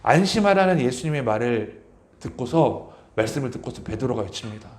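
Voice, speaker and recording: Earnest pastor preaching in an echoing church. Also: male voice, mid-range voice, lively intonation, brisk, a little mellow. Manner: earnest, repeats key phrases, addresses congregation directly. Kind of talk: Sunday sermon with scripture reading. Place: church sanctuary. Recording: roomy church echo.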